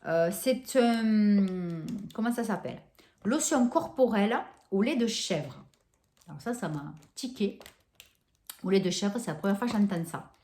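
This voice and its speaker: A woman's voice: medium pitch, animated, measured pace, mellow. A woman chatting casually through a shopping haul, hesitant with many fillers and restarts, gushing over scents. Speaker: vlogger showing a shopping haul. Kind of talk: casual haul vlog chat. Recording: echoey room.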